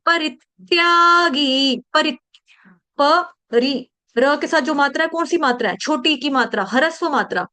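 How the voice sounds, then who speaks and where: A woman teaches a class to recite verses, drilling slowly syllable by syllable and quizzing her students, with quick asides to them. Her voice sits high and sounds a bit bright.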